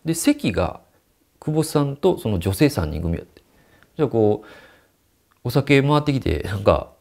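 A man's voice: mid-range voice, very animated, moderate pace, creaky, darkish tone. A man telling a ghost story and acting out the quoted dialogue.

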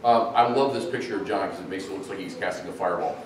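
A middle-aged man giving a chatty, animated conference talk on game design, with ums and uhs. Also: deep voice, fast. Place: large echoey conference hall. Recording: echoey hall, distant mic, faint noise.

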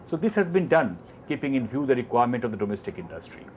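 A man in his fifties with an Indian English accent, a company chairman on a lapel mic in an office, explaining prices in a measured, detailed way with numbers and restarts. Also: medium pitch, very animated, a little hiss or hum. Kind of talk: explanatory business interview. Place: office with armchair, indoors.

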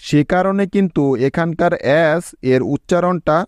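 A man teaching English pronunciation in a slow, step-by-step lesson, spelling out words letter by letter and checking often that the listener follows. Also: high-pitched, steady tone, smooth, dry recording, clean studio sound.

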